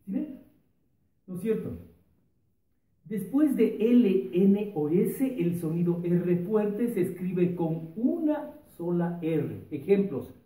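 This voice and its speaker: A man, a primary school teacher giving a remote lesson to children, drawing out each sound slowly. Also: high-pitched, very animated, mellow, distant mic. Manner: slow, drawn-out pronunciation of sounds for children. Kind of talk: remote classroom lesson with a sung opener. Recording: echoey room, voice off-mic, light music.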